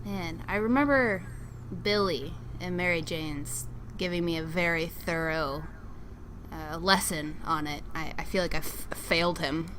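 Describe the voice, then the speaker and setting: Woman, podcast host, casual chat, upbeat, giggly, slow pace. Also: lowish voice, fairly bright tone, a little hiss or hum.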